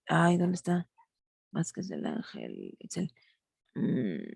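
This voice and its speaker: A woman's voice: lowish voice, vocal fry, a little mellow, no echo, clean studio sound. A woman teacher, patiently walking students through a grammar lesson over a video call. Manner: patient, explains step by step, asks students for answers. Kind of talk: online grammar class.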